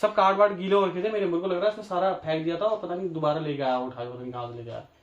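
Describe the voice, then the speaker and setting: A man vlogger from Uttarakhand chatting quickly in casual Hindi about losing his wallet. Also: high-pitched, muffled recording. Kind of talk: casual storytelling. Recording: echoey room.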